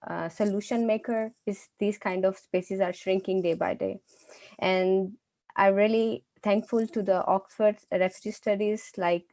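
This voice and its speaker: A woman's voice: medium pitch, darkish tone, no room sound. A woman from Pakistan, a seminar panelist, speaking earnestly and searching for words now and then. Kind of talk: seminar introduction.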